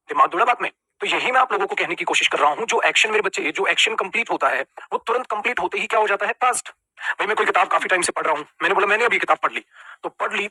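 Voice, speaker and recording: A high, bright-voiced Indian man teaching at a rapid clip, with a slightly husky edge. He drills a grammar class, throwing out questions and answering them himself. The sound is close and dry. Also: no room sound. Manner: calls students "beta" and asks them questions he answers himself; mixes Hindi with English terms. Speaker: English teacher.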